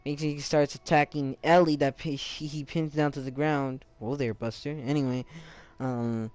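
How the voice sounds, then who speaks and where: A man's voice: mid-range voice, steady tone, moderate pace, a little mellow. A young man casually retelling a video game's story, rambling, with many self-corrections and restarts. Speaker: gaming channel host. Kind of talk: casual game story recap.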